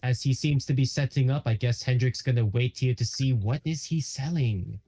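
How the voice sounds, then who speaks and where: A man's voice: mid-range voice, moderate pace, mellow, breathy edge. A man playing a tabletop game who muses and thinks aloud hesitantly as he plays. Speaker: player. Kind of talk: casual tabletop game play.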